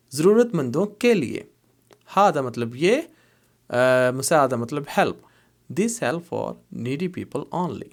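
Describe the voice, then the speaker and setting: A man teaching spoken Arabic phrases, explaining them in Urdu and repeating each phrase several times at a patient pace. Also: fairly high pitch. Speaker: language teacher.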